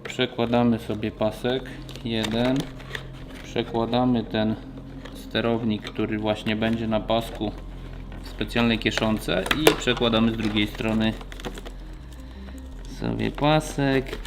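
Over some background noise, a man with a lowish voice demonstrates an installation at a motorcycle shop. He's a technician giving a relaxed, practical walkthrough, going step by step in plain terms.

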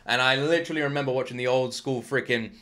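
A British man hosting a music reaction video, excitable and swearing, with loud outbursts. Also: mid-range voice, fast. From United Kingdom.

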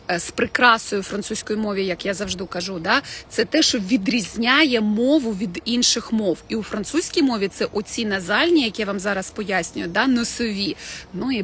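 A woman's voice: on the high side, sharp tone, slight background noise. Chatty woman teaching French live. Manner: chatty, addresses viewers directly, models French words slowly. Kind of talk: casual live-stream lesson. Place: home, in the evening.

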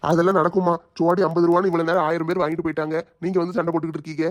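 A man acting in a family comedy skit, arguing quickly. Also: fairly high pitch, flat delivery, lo-fi sound. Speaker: son and shopkeeper in a family skit.

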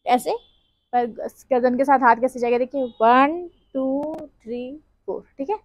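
A woman's voice: high voice, a little slow, dry recording. A woman dance teacher, explaining steps and counting beats aloud, sometimes singing along. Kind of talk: dance tutorial instruction with counting.

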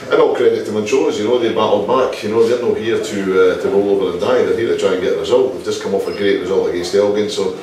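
Scottish football manager, deep voice, echoey room, crowd noise behind. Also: male voice, darkish tone, recorded from a distance. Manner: fast, frequent "you know" fillers. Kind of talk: post-match interview. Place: indoor press area in front of a sponsor board.

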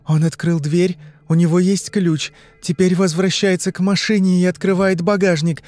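A man voicing a frightened young woman under hypnosis in an audiobook, answering in short, halting phrases. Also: sits high, little pitch movement, darkish tone, no room sound, faint music behind, voice pushed up, lightly acted. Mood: uneasy. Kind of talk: audiobook reading.

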